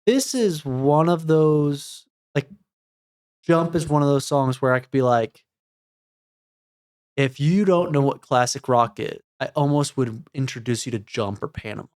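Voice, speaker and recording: A man's voice: medium pitch, a little slow, darkish tone. A man in his thirties co-hosting a casual music review chat, laid-back and rambling with fillers. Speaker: podcast co-host.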